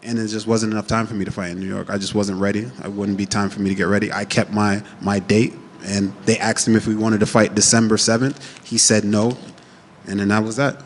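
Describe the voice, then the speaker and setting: Speaking a little fast in a lowish voice with little pitch movement, a Jamaican-raised man in his thirties handles media day questions as an MMA fighter. He's casual, confident, and trash-talking, and the large hall adds slight background noise.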